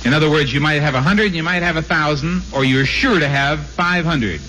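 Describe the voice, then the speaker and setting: A man hosting a radio quiz show in a brisk, teasing way, spelling words out letter by letter, heard from an old broadcast disc. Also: fairly high pitch, pushed and bright, faint music behind, rough recording. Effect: old broadcast disc playback.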